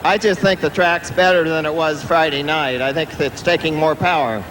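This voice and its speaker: A man's voice: on the high side, fairly even intonation, normal speed, fairly bright tone, low-quality recording. A man competing in motorsport, giving plain, matter-of-fact answers in a trackside interview. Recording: outdoor trackside noise.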